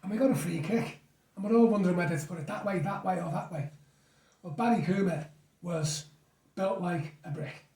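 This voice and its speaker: High-pitched Merseyside man, distant and echoey. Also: a little fast, mellow. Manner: chatty, anecdotal. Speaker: guest, former football referee. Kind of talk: casual reminiscing interview. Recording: echoey room, distant mic.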